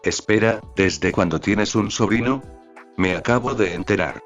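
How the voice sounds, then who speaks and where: A man's voice: fairly low pitch, unhurried. Man doing a bubbly, doting husband. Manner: bubbly, enthusiastic. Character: cheerful affectionate adult man, excitable husband. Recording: slightly dull audio with faint background music.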